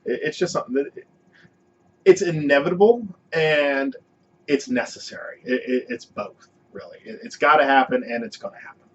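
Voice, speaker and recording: A man's voice: on the high side, normal speed. A man co-hosting a podcast, chatting casually in an agreeable, laid-back way with stammering restarts. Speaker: podcast co-host. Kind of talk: casual chat. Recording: distant, dull lo-fi mic.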